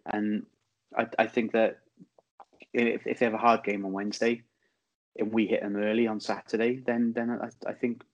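Low, even-toned man giving football opinions. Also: moderate pace, long pauses, dull audio. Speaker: football podcast guest. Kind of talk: casual football punditry. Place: video call over Skype.

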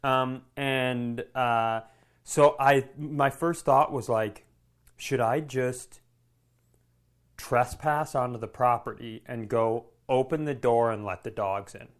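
Speaking slowly in a mid-range voice, this comedy podcast host tells a story in a relaxed but animated way. He curses freely and acts out what people said.

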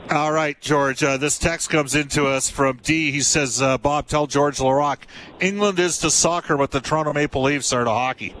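A man's voice: fairly high pitch, fairly even intonation, moderate pace, a bit bright, a little hiss or hum, poor audio. A man in his fifties hosting a sports radio show, chatty and rambling, often losing his thread. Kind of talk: casual sports talk.

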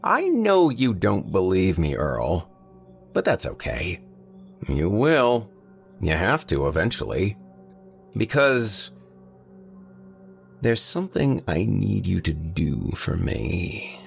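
A man's voice: low voice, wildly swooping pitch, takes it slowly, gravelly, long pauses, faint music behind, full character voice. A man voicing an arrogant talking green fly in a spoken story, with a needling manner. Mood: insistent.

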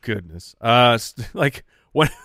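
Guy cohosting a sports podcast, middle pitch, rattles off stats, dead dry sound. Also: slow pace, creaky, no room sound. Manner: lively banter, reeling off stats. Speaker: podcast co-host. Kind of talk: casual sports chat.

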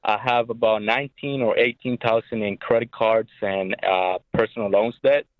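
Young male caller heard over the phone, halting delivery, dry muffled line. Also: fairly low pitch, fairly even intonation, no room sound. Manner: hesitant, many pauses and filler sounds. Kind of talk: call-in advice show. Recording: dull lo-fi phone sound.

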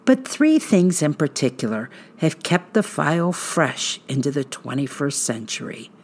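A woman hosting a podcast, narrating a true-crime script in a suspenseful, measured storytelling manner with dramatic pauses. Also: low voice, very animated, a little mellow.

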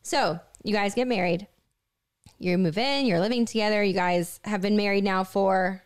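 A woman's voice: medium pitch, normal speed, clear, resonant tone. Giggly chatty woman interviewer. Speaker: interviewer asking couples questions. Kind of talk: casual chat.

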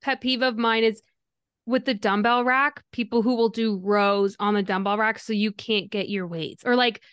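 A woman's voice: mid-range voice, fairly even intonation, moderate pace, fairly bright tone, smooth, no room sound, studio quality. A young adult woman hosting a podcast in a casual chat, upbeat and chatty, laughing often. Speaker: podcast host.

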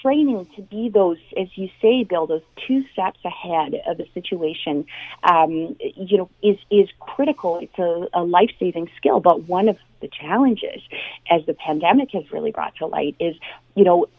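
A Canadian woman calls into a radio show as an expert guest, explaining things earnestly and conversationally with everyday examples. Her fairly low voice moves at a normal speed over a thin, phone-like line, with no room sound.

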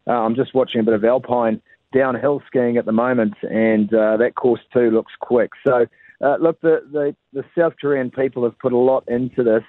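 This man's mid-range voice keeps fairly even intonation at a moderate pace as he phones in a live report to a radio program. He's chatty, full of "uh" fillers, and the telephone line is tinny, with no echo.

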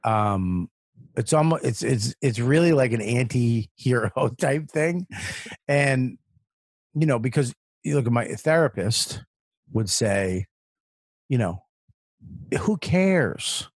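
A man with a slightly husky voice telling an animated story on a podcast, full of swearing and restarts. His voice is close and dry with no room around it. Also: mid-range voice, takes it slowly, pauses often, no echo. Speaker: podcast guest, comedian. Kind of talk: casual storytelling chat.

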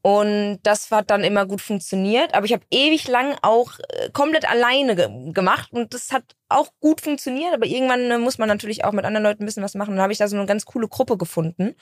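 A young woman from Bavaria chats as a podcast guest, easygoing and candid, often laughing. Her voice sits at a middle pitch. The recording is close and dry. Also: quick pace, hardly any pauses, dry recording. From Bavaria, Germany. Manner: candid, laughs easily, relaxed storytelling. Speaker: streamer guest. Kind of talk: casual podcast chat.

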